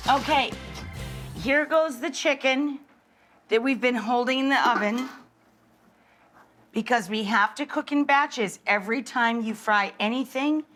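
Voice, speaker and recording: Chatty woman hosting a slow cooking demo. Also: on the high side, a bit bright, soft background music. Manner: chatty, enthusiastic, talks to the viewers. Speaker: cooking show host. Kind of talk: casual cooking demonstration. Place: studio kitchen.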